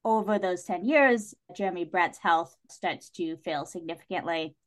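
A lowish-voiced woman, speaking at a moderate pace, appears as a podcast guest. In the casual conversation she tells stories with animation, saying "like" a lot and acting out her reactions.

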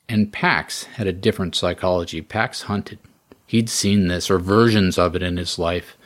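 A man reading his own story aloud as scripted narration, in a steady, measured way. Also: on the low side.

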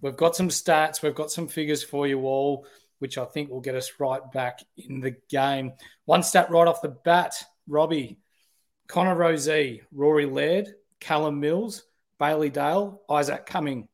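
An Australian man chats as co-host of a sports podcast. His voice is a little high for a man, and his delivery is informal. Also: measured pace. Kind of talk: casual sports podcast chat.

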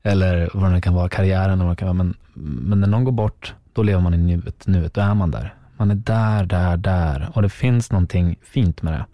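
A man's voice: low voice, steady tone, few pauses, warm tone, no room sound. A man who works in radio, a podcast guest, talking reflectively and repeating words for emphasis. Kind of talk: casual podcast chat.

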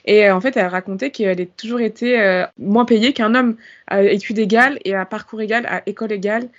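A woman's voice: medium pitch, steady tone, fairly quick. A young woman in her twenties hosting a casual podcast discussion, chatty with many fillers. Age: 20s. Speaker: podcast host. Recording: slightly muffled audio.

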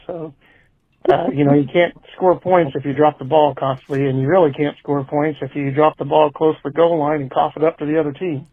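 A man's voice: fairly high pitch, fairly even intonation, fairly quick, dry recording. A man leaving a voicemail for a talk show over a phone line, giving his take in a blunt, casual way, swearing and shrugging things off. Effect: voicemail played over a phone line. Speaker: caller. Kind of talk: casual call-in rant.

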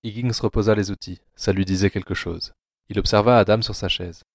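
A man narrating a dark audio drama adaptation in a measured, grim storytelling manner. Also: on the low side, fairly even intonation.

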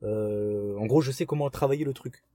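A man with a Picard accent, a stand-up comedian telling a story in a casual podcast chat, halting with many fillers and restarts. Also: fairly low pitch, mellow, no room sound. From northern France.

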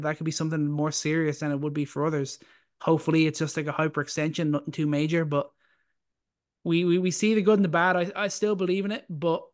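A man with a slightly raised pitch speaks in a flat, even way on a casual basketball podcast. He trips over his first words, then settles into firm, plainly stated opinions. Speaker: podcast co-host. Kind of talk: casual sports talk.

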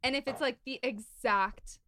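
A woman on a podcast, chatting casually and rambling with quick restarts. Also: on the high side, a loud crowd. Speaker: podcast co-host. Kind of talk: casual chat.

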